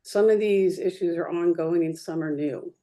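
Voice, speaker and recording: A woman giving a neighborhood committee report at a public meeting, her voice clipping and distorted on a remote call microphone, delivered in a steady, matter-of-fact way. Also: on the low side, moderate pace.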